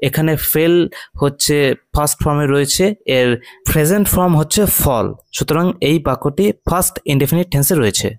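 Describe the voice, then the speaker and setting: Man, native Bengali speaker, patient English grammar lesson, slightly high voice, dry close sound. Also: no room sound. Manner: reads English phrases slowly, then explains in Bengali; often checks in with "ঠিক আছে?". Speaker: English teacher. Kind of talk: slow line-by-line English reading lesson.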